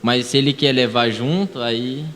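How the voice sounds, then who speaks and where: A man's voice: medium pitch, steady tone, normal speed, a bit bright. A young man from Brazil with a São Paulo accent, telling a personal story casually with many fillers at a church youth meeting. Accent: São Paulo Portuguese. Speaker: youth group member. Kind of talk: casual testimony. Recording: reverberant church hall.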